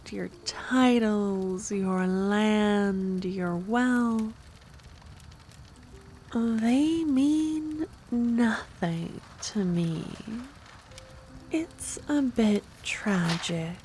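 A woman plays an ancient vampire lady in a seductive ASMR role-play. She speaks at a very slow, drawn-out pace, intimate and teasing, with possessive menace underneath. A faint layer of noise sits behind her voice. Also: medium pitch, darkish tone. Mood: coolly persuasive.

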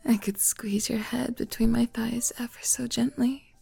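A woman performing a whispered role-play as a doting, flirty, motherly woman, intimate and close as if right in the listener's ear, coaxing softly. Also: a little high, fairly even intonation, gravelly, breathy edge, heavily acted. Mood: tender, soothing. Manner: slow, coaxing, soft giggles.

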